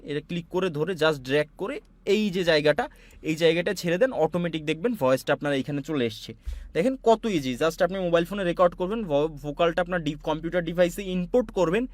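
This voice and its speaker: High-voiced man teaching a class. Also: no room sound. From Bangladesh. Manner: patient, repetitive explaining with many asides. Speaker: online course instructor. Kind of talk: screen-share software tutorial.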